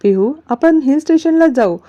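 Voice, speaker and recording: A woman's voice: high-pitched, normal speed, voice pushed up. A woman voicing a teasing, stubborn young husband in a narrated story. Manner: teasing, calm. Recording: dull lo-fi recording.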